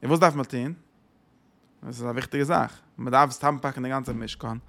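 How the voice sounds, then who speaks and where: A man's voice: medium pitch, quick pace, creaky, a bit bright. A man giving a religious lesson who asks rhetorical questions and repeats his phrases. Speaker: Torah teacher.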